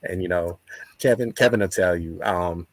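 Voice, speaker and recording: Low-voiced man, reflective guest. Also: moderate pace, no room sound, poor audio. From born in Nigeria, grew up in the United States. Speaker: spoken word artist and interview guest. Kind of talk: conversational interview answers.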